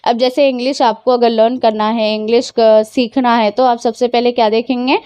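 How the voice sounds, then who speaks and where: A woman's voice: on the high side, flat delivery, moderate pace, a little mellow, clean tone, no room sound. A woman teacher giving a grammar lesson to children, patiently asking questions and answering them herself, mixing English words into her explanations. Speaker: Urdu teacher.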